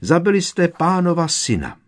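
A man's voice: a little high, wildly swooping pitch, pitched above the performer's own voice. A man voicing a frantic female house-elf servant who shrieks and pleads. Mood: shrieking despair. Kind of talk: audiobook character voice.

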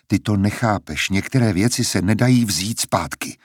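A man's voice: fairly low pitch, husky, no echo, studio quality. A man voicing a defiant, blunt young woman in an audiobook reading. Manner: firm, blunt. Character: defiant young woman singer, sharp-tongued.

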